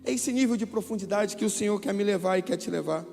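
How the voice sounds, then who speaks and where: A man with a Brazilian Portuguese accent preaching a sermon as pastor, telling stories lively and acting out the dialogues. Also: high voice, quick pace, vocal fry. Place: church hall. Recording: hall reverb with music behind.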